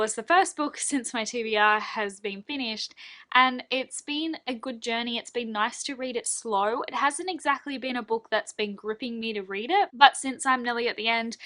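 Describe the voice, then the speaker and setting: A woman's voice: a little high, bright, forceful tone. A young woman from Australia, chatting casually in a reading vlog and gushing with lots of fillers. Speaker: book vlogger.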